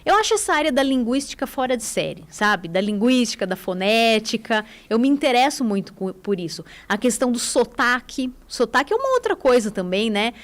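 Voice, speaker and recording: A woman's voice: fairly high pitch, sing-song, a little fast, hardly any pauses. Chatty Brazilian woman on the radio. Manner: chatty, enthusiastic, many tag questions. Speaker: radio guest, English teacher. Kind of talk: casual radio conversation.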